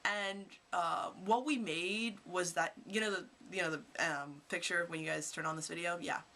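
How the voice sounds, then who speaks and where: Talking at a normal speed, this Kentucky teen vlogger tells meandering stories to camera. The high schooler's mid-range voice sounds bright and forceful, and the delivery is relaxed and chatty.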